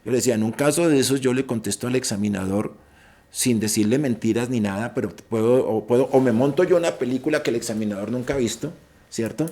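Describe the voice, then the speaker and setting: Warm in tone, medium in pitch, and quick in delivery, a man with a Colombian Spanish accent runs a virtual session advising students on an English exam. He explains the rules and circles back to key points, repeating and restarting words and emphasizing the advice that counts.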